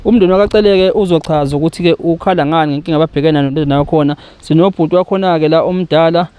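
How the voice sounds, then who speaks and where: A man's voice: fairly high pitch, fast, dark tone, smooth. A South African man with a Zulu accent, hosting and interviewing in a conversational way, mixing in some English words. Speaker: host for a community aid organisation. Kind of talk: spoken introduction and interview, code-switching with some English words.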